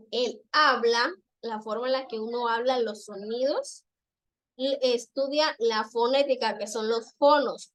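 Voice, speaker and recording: A woman teacher giving a classroom lecture, explaining patiently and repeating examples slowly. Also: high voice.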